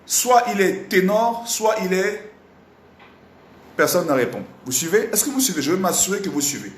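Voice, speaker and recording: A slightly hoarse man teaching a live online singing lesson, animated and repetitive, often stopping to quiz his audience. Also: high voice, normal speed. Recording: roomy echo, faint background noise.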